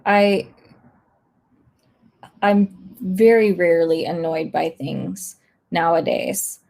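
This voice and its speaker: A woman instructor casually chatting on a livestream, a bit hoarse as she loses her voice, thinking aloud with lots of fillers. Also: lowish voice, steady tone, slow pace, darkish tone. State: slightly hoarse, losing her voice. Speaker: online instructor.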